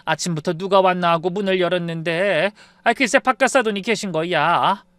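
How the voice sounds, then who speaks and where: A man's voice: high-pitched, moderate pace, fairly bright tone, clean tone, no room sound. A man voicing a flustered older mother-in-law who exclaims and sighs as she retells a fright, in a storybook reading. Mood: shaken.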